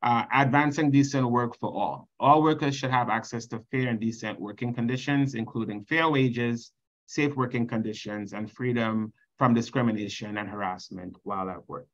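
A man's voice: medium pitch, moderate pace, highs cut off. Trinidadian man presenting on a video call. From Trinidad and Tobago. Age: 30s. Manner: earnest, reads slide text then explains. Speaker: conference presenter.

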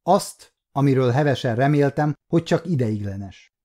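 A man playing an alien chief supervisor, grave and troubled, who speaks in a measured, formal way. His tone is dark and mellow. It is a storybook reading. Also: mid-range voice, animated, lightly acted.

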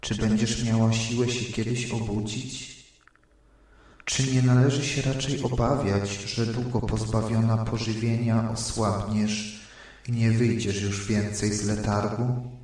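Grave divine voice, tender and admonishing, played by a man, slow, in a very echoey room. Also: on the low side, level tone, lightly acted. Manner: gentle, admonishing. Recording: heavy room reverb.

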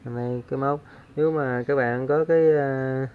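A man's voice: mid-range voice, moderate pace, phone-quality sound, heavy background noise. A man hosts a fishing channel and gives a casual hands-on tutorial, counting aloud as he works. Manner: relaxed, counting aloud while working.

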